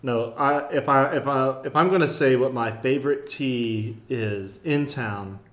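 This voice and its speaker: A man's voice: mid-range voice, unhurried. A man hosting a casual chat, joking, laughing often and restarting his sentences. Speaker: podcast host. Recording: echoey room.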